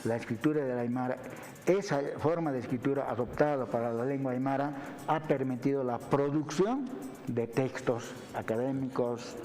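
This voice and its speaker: Speaking at a moderate pace in a medium-pitched, mellow voice, a Bolivian-accented university lecturer explains topics didactically as a TV interview guest. He punctuates his sentences with tag questions, and the audio has a big-room sound.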